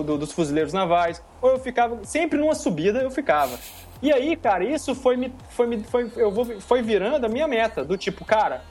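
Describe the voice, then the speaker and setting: Homem brasileiro animado, voz mais aguda. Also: male voice, high voice. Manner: animated, says "cara" constantly. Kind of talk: casual chat.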